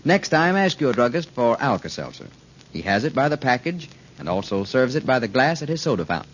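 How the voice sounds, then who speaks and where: A man's voice: medium pitch, very animated, fairly quick. Man announcer on crackly old AM radio. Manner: folksy, persuasive. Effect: old AM radio broadcast sound. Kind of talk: scripted sponsor announcement. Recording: muffled 1940s radio recording.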